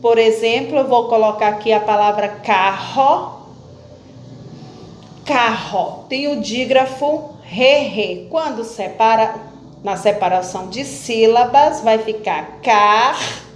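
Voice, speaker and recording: A woman teacher giving a phonics lesson, slowly spelling out and splitting words into syllables while asking questions and answering them herself. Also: a little high. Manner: slow, stretches out syllables when splitting words. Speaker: primary school teacher. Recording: echoey room with faint background noise.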